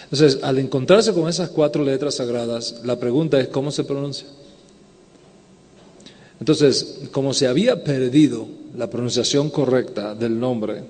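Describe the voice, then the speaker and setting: A man's voice: medium pitch, normal speed, a little mellow. A man, a rabbi, giving a conference lecture and answering questions, explaining step by step and often checking in with "ok?". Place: lecture hall. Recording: long hall reverb.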